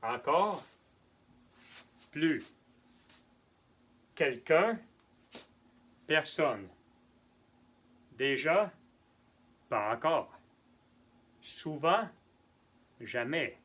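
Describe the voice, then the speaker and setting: A man's voice: fairly high pitch, very animated, drawn-out words, long pauses, fairly bright tone. A man teaching French grammar to Spanish speakers, patiently repeating example sentences and translating them. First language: neither French nor Spanish. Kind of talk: bilingual grammar lesson.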